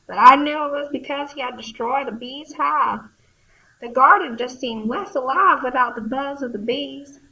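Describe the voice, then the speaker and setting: A woman's voice: high voice, pushed and bright, dull audio, heavily acted. A woman voicing a sweet, frail old woman who speaks tenderly in an amateur audio drama. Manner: tender, heartfelt storytelling.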